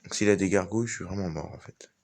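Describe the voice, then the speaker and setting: A man's voice: deep voice, quick pace, vocal fry, a little mellow, a little hiss or hum. A man giving casual, informal live commentary on a game as he plays, thinking aloud. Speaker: gaming video host.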